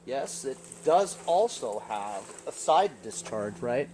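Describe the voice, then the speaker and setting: This middle-aged repair host speaks slowly but very animatedly in a mid-range voice, guiding viewers through a casual small-engine fix in a sunny backyard. Each step gets a chatty explanation, often capped with "right?", and outdoor background noise can be heard.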